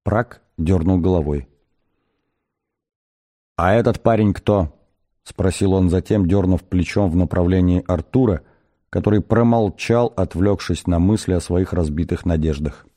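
A man reading a comic novel aloud as an audiobook narrator, in a measured, expressive storytelling manner. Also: sits low. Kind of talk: scripted narration.

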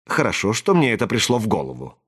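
A man's voice: lowish voice, huge pitch swings, fast talker, breathy edge, heavily acted. A man reading an audiobook aloud, voicing a bossy young princess with a raised, commanding voice. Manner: commanding, brooks no objection.

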